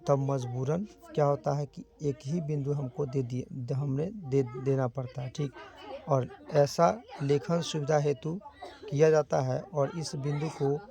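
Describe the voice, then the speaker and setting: Slow, gravelly male Hindi teacher. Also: medium pitch, mellow. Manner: repeats points as rhetorical questions to the viewer; slow, careful sounding out of letters. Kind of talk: explaining grammar lesson.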